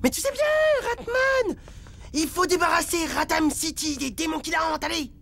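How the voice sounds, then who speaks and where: An actor playing an excitable, boastful young male rat who acts the superhero in a cartoon, theatrical and cheeky. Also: very high voice, moderate pace, creaky, exaggerated voice. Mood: urgent, excited. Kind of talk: French cartoon voice acting. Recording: loud music under the voice.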